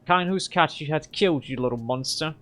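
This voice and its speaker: A man reading a game aloud and voicing a nervous, defensive male hacker in a higher, strained voice. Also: brisk, a bit bright, lightly acted.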